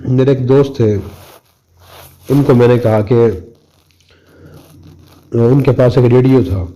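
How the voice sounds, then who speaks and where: A man's voice: mid-range voice, fairly even intonation, dark tone. A middle-aged man, a preacher from Pakistan, telling a personal story in a conversational way and speaking directly to his listeners. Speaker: Islamic preacher. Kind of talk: storytelling religious talk.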